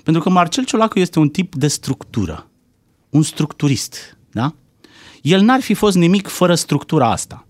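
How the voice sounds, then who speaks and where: A man's voice: on the high side, very animated, no room sound. A man giving heated, indignant political commentary on a talk show, firing off rhetorical questions.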